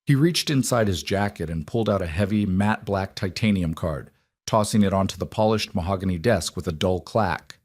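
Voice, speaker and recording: A man narrating a first-person romance story in a steady, even reading. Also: low-pitched, moderate pace, no room sound, studio quality.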